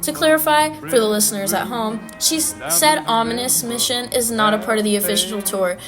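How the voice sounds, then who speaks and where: Woman acting tour promoter, salesy, peppy, evasive, higher voice, music underneath. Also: a little fast, lightly acted. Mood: salesy, flustered. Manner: salesy, covering up awkwardness.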